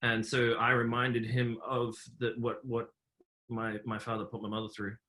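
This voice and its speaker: A young man from New Zealand, a podcast guest telling his life story in a relaxed, rambling way with many fillers. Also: mid-range voice, normal speed. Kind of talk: casual conversational interview.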